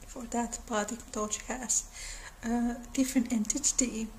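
Speaking casually to camera beside a living room window, a Finnish-accented woman in her thirties explains folklore on the mythology channel she hosts. Her voice is on the high side and fairly flat, her pace slow and thoughtful, broken by soft laughs and small restarts. Slight background noise mars the low-quality recording.

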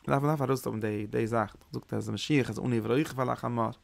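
A man giving a Kabbalah lesson as a Torah teacher, speaking haltingly and often repeating words and restarting phrases. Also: medium pitch, steady tone, vocal fry, dry recording.

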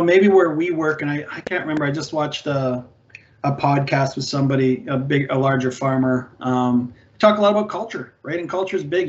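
A fairly high-voiced man in his forties talks over a video call, chatty and halting, full of ums and restarts. The audio is dull and lo-fi, like a typical online meeting. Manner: conversational, many fillers and restarts. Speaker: ag tech company representative. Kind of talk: video call panel discussion. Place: indoors, virtual background.

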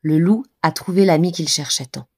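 A woman storyteller narrating bedtime stories for children in a gentle, soothing way. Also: sits low, moderate pace, husky.

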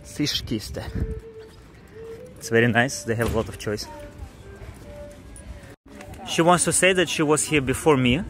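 A man's voice: mid-range voice, expressive, unhurried, pauses often, fairly bright tone, soft background music. A man casually chatting to viewers in an upbeat travel vlog, filmed outdoors in a seaside town. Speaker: travel vlogger. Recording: outdoor street noise.

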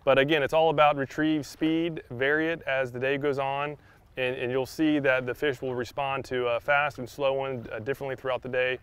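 A young man giving a casual fishing tutorial outdoors on a beach, talking in a relaxed way with many fillers and repeated words. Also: medium pitch, normal speed, clean tone. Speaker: fishing instructor. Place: sandy shoreline outdoors by open water.

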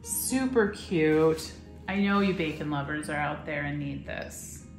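A woman's voice: low voice, a little slow, reverberant, over music. Chatty woman showing decor items. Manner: chatty and enthusiastic, lots of fillers. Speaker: shop host presenting items for sale. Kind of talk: casual product showcase. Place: indoor shop room full of farmhouse decor.

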